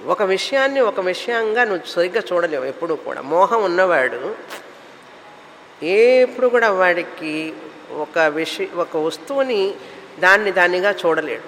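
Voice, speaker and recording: Male spiritual teacher, explanatory, lists ideas in runs; fairly high voice, hall reverb. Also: fairly bright tone, a little hiss or hum. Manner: explanatory, lists terms in runs, mixes English words. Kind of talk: spiritual discourse.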